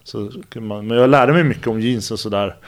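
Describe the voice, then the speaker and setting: A man in his thirties, a guest on an interview show, telling stories in relaxed, rambling conversation full of fillers and slang. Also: lowish voice. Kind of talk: casual conversational storytelling.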